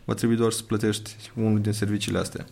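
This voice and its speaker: A man's voice: lowish voice, completely flat delivery, creaky, a little mellow. A young man co-hosting a podcast in casual chat, explaining things in a wry way. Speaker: podcast co-host.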